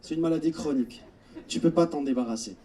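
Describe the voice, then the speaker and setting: A man's voice: a little high, quick pace, mellow, recorded from a distance. A young man from Algeria, telling stories in a chatty stand-up comedy set on a theatre stage, speaking straight to the audience. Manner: chatty storytelling, addresses audience directly.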